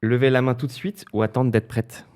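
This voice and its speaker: A man hosting a podcast interview, asking questions in a relaxed, playful way. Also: mid-range voice, brisk. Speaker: podcast host.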